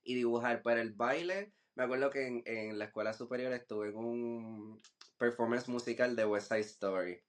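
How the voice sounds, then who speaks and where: A man's voice: mid-range voice, moderate pace. A man in his twenties with a Puerto Rican Caribbean Spanish accent, chatting casually as a podcast guest and sprinkling in English words. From Puerto Rico. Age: 20s. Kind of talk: casual chat.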